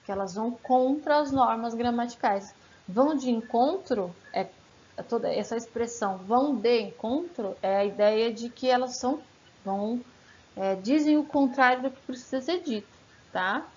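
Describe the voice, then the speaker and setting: A woman's voice: a little high, moderate pace, darkish tone. Woman teaching grammar, chatty and questioning. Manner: conversational, frequent "né" and "tá" tags, asks rhetorical questions. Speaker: Portuguese teacher. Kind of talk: informal grammar lesson. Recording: slightly muffled, faint background hiss.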